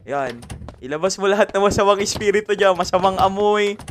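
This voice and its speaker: A man's voice: high-pitched, animated, moderate pace, sharp tone, a little hiss or hum. A man from the Philippines live-streaming a horror game, chatting casually with viewers, laughing a lot and yelping when startled.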